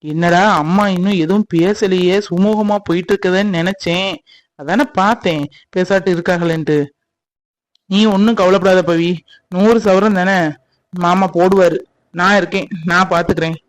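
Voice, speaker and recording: A performer doing a steady, protective young fiancé in a cartoon. The voice sits at a middling pitch and soothes and teases by turns, recorded dry and close. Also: normal speed, dry recording, close to an everyday voice. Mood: reassuring. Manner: soothing, teasing, steady reassurance. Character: reassuring young male fiancé, protective and calm. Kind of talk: cartoon voice acting.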